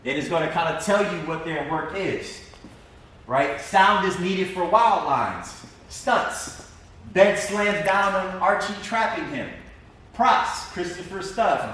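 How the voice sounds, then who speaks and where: A man's voice: high-pitched, a bit bright, slight background noise. A man teaching a class in a casual storytelling way, repeating phrases for emphasis. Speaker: film teacher. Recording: echoey classroom from far off.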